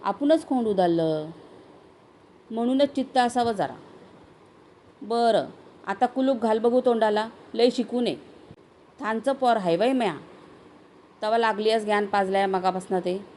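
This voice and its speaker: A woman voicing a cocky young village man who drives his bullock cart fast and boasts. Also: on the high side, a little mellow, slight background noise, close to an everyday voice. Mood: irritated. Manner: brash, boastful.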